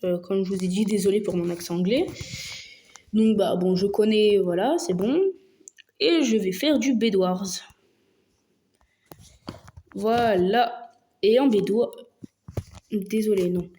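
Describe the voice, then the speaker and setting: A woman's voice: medium pitch, slow pace, pauses often, mellow, a little hiss or hum. A woman hosting a gaming video, talking through her gameplay casually and hesitantly, with lots of fillers and restarts. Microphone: phone.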